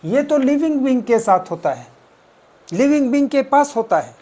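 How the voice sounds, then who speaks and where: An exam coaching teacher explaining test answers, deliberately repeating and spelling out words step by step. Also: high-pitched, very animated, dark tone. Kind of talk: explaining exam answers, mixing English terms.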